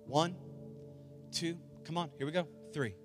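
A man's voice: a little high, a little slow. A man speaking as a pastor in an evangelical altar call, informal and coaxing, with short repeated urgings. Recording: music playing under the voice. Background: instrumental music.

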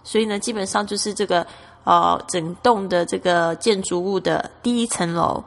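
A woman's voice: on the low side, fairly even intonation, moderate pace, creaky, in a large hall. A woman from Taiwan with a Taiwanese Mandarin accent, patiently explaining English words and spelling them out as a teacher. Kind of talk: explanatory lesson narration.

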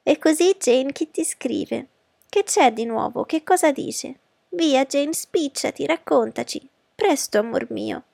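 A woman voicing a fussy, excitable middle-aged mother who talks in an eager, pushy way. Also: fairly high pitch, brisk, creaky, dry recording, voice pushed up. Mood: eager, impatient. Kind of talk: audiobook character voice.

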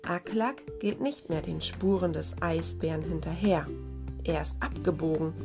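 A woman reading a children's story aloud in a gentle, expressive way. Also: deep voice, a little slow, music in the background.

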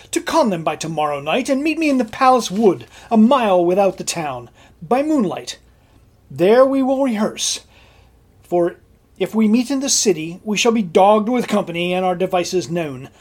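Peter Quince, lively fussy amateur director acted out. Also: medium pitch. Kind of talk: Shakespearean comedy acting.

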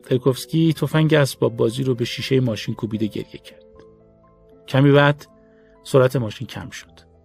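A man reading a story aloud in a steady, measured audiobook narration. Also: medium pitch, gravelly, husky, soft background music.

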